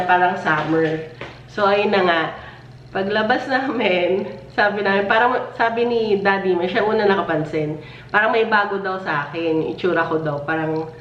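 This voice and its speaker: A woman chatting in a vlog at home, giggly and talkative, her voice lowered and a little hoarse after being ill, with an occasional cough. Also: moderate pace, a little hiss or hum. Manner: chatty and giggly, with frequent laughs. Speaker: family vlogger. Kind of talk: casual chat. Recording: echoey, distant, dull home recording.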